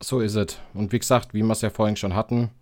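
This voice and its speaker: A man with a German accent co-hosting a football podcast in relaxed casual chat, friendly and easygoing. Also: fairly low pitch, fast, dry recording, clean studio sound. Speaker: podcast co-host.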